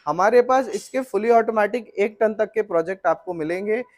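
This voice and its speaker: A middle-aged man giving a steady technical walkthrough of flour mill equipment, explaining it directly to the viewer. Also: high voice, moderate pace.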